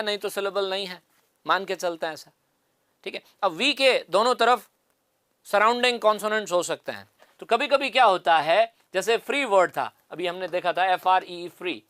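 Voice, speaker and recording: A man's voice: sits high, a bit bright, no room sound, clean studio sound. A man teaching an exam-prep phonetics lesson, explaining step by step and repeating the key answers.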